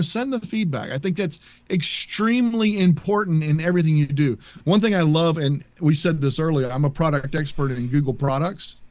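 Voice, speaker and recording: A man's voice: on the high side, darkish tone, dry recording. A man speaking as a guest panelist in a casual video call, earnest and repeating points for emphasis. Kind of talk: casual webinar chat. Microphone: video call mic.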